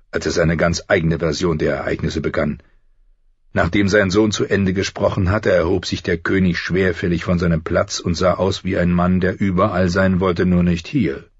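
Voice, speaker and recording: A man's voice: low voice, slightly rough, no room sound. A man reading a fantasy audiobook expressively, voicing each character himself. The recording sounds slightly dull. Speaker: audiobook narrator. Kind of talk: scripted fantasy narration.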